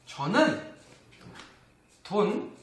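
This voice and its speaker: A language teacher talks through a lesson at an unhurried pace. The voice rises and falls a lot, with a patient habit of quizzing the listener. A roomy echo hangs on the recording. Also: medium pitch, very animated. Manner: patient, asks the viewer questions. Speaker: Korean teacher.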